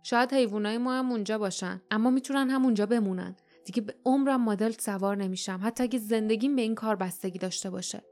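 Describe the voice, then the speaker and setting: A woman voicing a gruff, stubborn grown man with dry humor in an audiobook, talking quickly and wryly. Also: a little high, darkish tone, soft background music, close to an everyday voice. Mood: grumbling.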